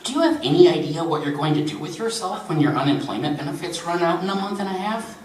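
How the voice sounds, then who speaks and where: A man's voice: a little high, animated, fast talker, roomy sound, distant mic, a little hiss or hum, pitched above the performer's own voice, lightly acted, low-quality recording. A man voicing a prim automated telephone menu that turns needling, reading aloud to an audience. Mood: mocking. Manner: clipped menu prompts turning snide. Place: convention reading room.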